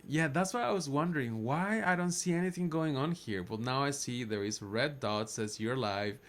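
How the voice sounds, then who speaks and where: A man's voice: medium pitch, moderate pace, a bit bright. A man from Chile with a Chilean accent, a native Spanish speaker, talking casually and unscripted as a live streamer, rambling and often backtracking to correct himself. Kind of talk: casual unscripted livestream monologue in English.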